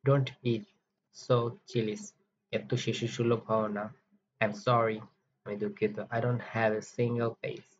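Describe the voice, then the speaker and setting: Slow, flat-voiced man teaching phrases. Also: medium pitch, highs cut off, a little hiss or hum. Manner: reads an English phrase slowly, then its translation quickly. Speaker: English teacher. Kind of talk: phrase-by-phrase language lesson.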